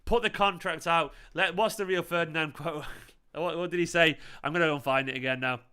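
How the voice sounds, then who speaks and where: Mancunian man, fan stream host, excitable, sweary, bright voice, smooth clear tone. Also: fairly high pitch, fairly quick. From Manchester, England. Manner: excitable, sweary, chatty with viewers. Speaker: football fan channel host. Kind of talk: live post-match reaction stream reading chat.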